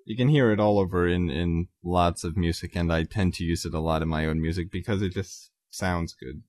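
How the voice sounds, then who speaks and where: Low-voiced man musing about his music. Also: fairly even intonation, a little fast, a little mellow. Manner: rambling, hesitant, many ums, self-correcting. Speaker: composer podcast host. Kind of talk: casual solo talk about his music.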